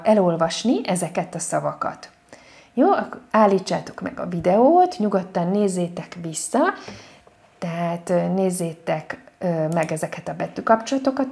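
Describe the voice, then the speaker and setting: A woman French teacher giving an online lesson, patient and repeating each example word slowly. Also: lowish voice, vocal fry, darkish tone.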